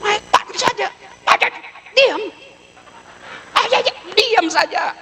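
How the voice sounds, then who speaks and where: A man with a lilt delivers a comic sermon in a very high, bright, forceful voice. His pitch swings widely as he jokes and mimics others. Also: takes it slowly. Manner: animated, mimics widows and wives in a low voice, sings snatches. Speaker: preacher.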